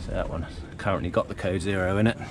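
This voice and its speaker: A man with a deep, fairly even voice gives a rapid-fire, casual walk-through review of a sailing yacht in clipped, fragmentary phrases. It's recorded on a handheld action camera with a noisy background.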